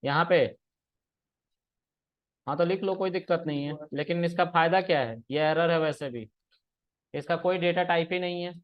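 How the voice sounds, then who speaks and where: A man's voice: a little high, moderate pace, long pauses. A man teaching programming in a casual classroom way, explaining step by step and checking that students follow. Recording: dull lo-fi recording.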